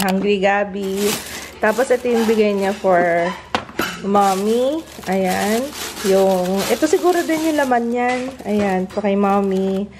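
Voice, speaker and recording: A Filipino woman in her thirties with a medium-pitched voice chats casually to the camera in a family home vlog, set in a large indoor kitchen. She talks to the camera and her family, mixing Tagalog and English, with clear kitchen sounds and background noise behind her.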